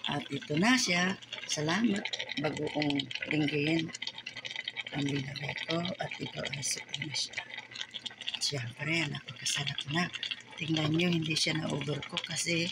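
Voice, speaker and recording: A woman hosting a casual home cooking vlog, talking in a slow, chatty and thankful way, her voice muffled by a face mask. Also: sits low, steady tone, heavy background noise. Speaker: home cook vlogger.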